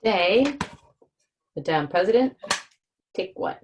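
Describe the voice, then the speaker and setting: A woman reads a children's book on a livestream against a noisy background, her medium-pitched voice sing-song and slow. She keeps things informal and explains hard words in simple language for young listeners.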